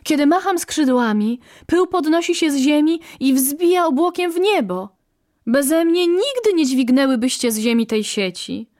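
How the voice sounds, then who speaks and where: A woman's voice: high-pitched, expressive, normal speed, darkish tone, voice pushed up. A woman voicing a bossy, boastful female quail who gives orders in a storybook reading. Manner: commanding, boastful.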